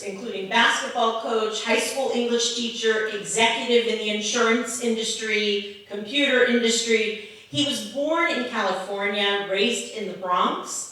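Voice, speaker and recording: A woman's voice: on the high side, pushed and bright. A woman acting as event host, giving a live introduction to a storyteller from an auditorium stage. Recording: very echoey auditorium, noisy, distant.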